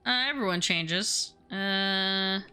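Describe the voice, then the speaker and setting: A woman's voice: medium pitch, slow pace, pushed and bright, clear, resonant tone. A woman streaming a game, informal and sweary, muttering to herself and reading dialogue choices aloud. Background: game music.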